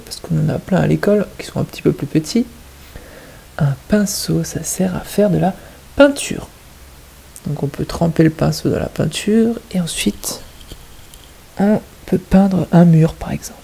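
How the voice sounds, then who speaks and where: A woman's voice: fairly low pitch, moderate pace, creaky, warm tone, breathy edge, poor audio. A woman teaching kindergarten children, patiently stressing each word and syllable. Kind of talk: teaching young children at home.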